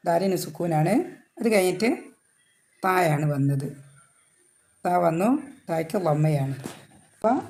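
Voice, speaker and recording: A woman teaching Quran recitation rules, explaining step by step and chanting the verses slowly. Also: fairly low pitch, a little hiss or hum. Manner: explains step by step, asks and answers own questions; slow drawn-out chanted recitation. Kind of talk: tajweed lesson.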